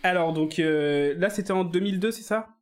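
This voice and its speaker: A man's voice: high-pitched, moderate pace. A man co-hosting a casual podcast chat, mocking and laughing often as he talks. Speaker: podcast co-host.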